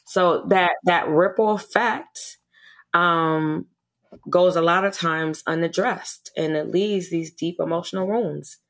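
A woman with a fairly low voice speaks as a guest on a podcast interview. She talks earnestly about her work as an educator, often stumbling and restarting her sentences. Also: slow pace. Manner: earnest, passionate, with frequent restarts and repeated words.

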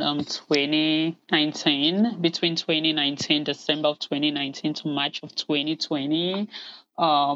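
A woman from Cameroon, a parent advocate, telling her family's story in an interview, soft-spoken and hesitant with many pauses. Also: deep voice, dry recording, dull audio. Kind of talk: interview answers, personal story.

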